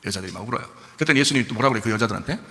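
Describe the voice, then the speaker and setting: A male pastor preaching a sermon. He asks the congregation rhetorical questions, answers them himself, and swings between quiet asides and loud emphasis. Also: mid-range voice, animated, rapid-fire, in a large hall. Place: church sanctuary.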